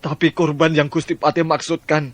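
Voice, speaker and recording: A man's voice: a little high, level tone, normal speed, close to an everyday voice. An actor playing a fearful old male servant who begs and sobs for mercy in a radio drama. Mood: anxious. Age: older. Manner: whining, begging, sobbing. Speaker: servant of the minister.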